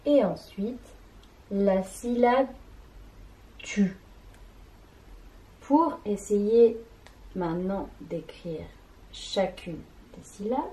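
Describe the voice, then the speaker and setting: Very slow woman teaching syllables. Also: mid-range voice, mellow, a little hiss or hum. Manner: slow and deliberate, sounding out syllables one by one. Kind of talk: early reading lesson for young children. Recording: echoey room.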